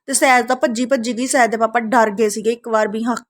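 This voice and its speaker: Her pitch fairly high and her intonation fairly even, a Punjabi woman in her thirties talks fast as she recounts her day for a family vlog. Tired but chatty, she keeps adding "hanna" to her sentences like a questioning "right?".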